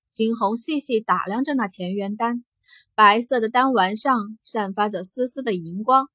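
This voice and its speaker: A woman narrating a fantasy novel as an audiobook in a steady, expressive storytelling manner. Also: fairly high pitch, no room sound.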